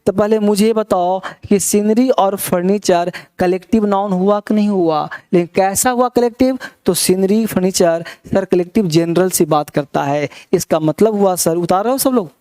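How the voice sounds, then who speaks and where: Man, grammar teacher, classroom lecture, coaxing, quick questions. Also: high voice, dark tone, smooth. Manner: mixes Hindi with English terms.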